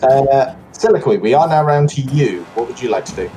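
A man narrating as game master, relaxed and unhurried, with fillers. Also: medium pitch, soft background music, low-quality recording.

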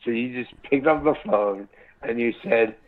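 A man's voice: medium pitch, measured pace. A man calling into a radio show over a crackly phone line that keeps breaking up, rambling, swearing and stammering through restarts. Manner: profane, stammering with many restarts. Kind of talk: rambling live call-in chat. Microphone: cell phone. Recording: tinny cell phone line.

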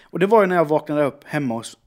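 A man in a casual chat telling an anecdote, acting out what people said. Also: fairly high pitch. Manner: animated storyteller who acts out quotes.

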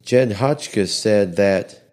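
A man with a fairly low voice narrates history from a script. He reads at an even pace and sometimes restarts a word after a slip. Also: slow. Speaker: history podcast host.

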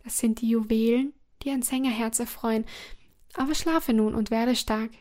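A woman voicing a gentle, consoling nightingale. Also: a little high, fairly even intonation, normal speed, natural voice. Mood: tender.

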